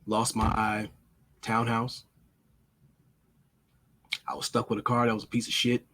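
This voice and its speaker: Man, middle pitch, casual vlog monologue, blunt, profane, dramatic pauses. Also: completely flat delivery, fairly bright tone. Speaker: vlogger.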